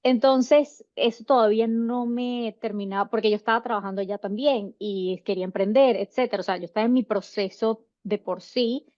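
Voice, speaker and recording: A woman's voice: fairly high pitch, fairly even intonation, normal speed, few pauses, darkish tone, no room sound, dull audio. A woman in her thirties with a Venezuelan Spanish accent, chatting as an interview guest and rambling with many restarts. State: seven months pregnant. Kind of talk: casual interview.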